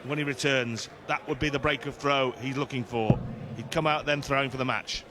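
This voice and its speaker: A man's voice: medium pitch, fairly even intonation, fairly quick. A man doing live play-by-play commentary as lead commentator at a darts match. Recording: clear arena noise behind commentary. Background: noisy darts arena.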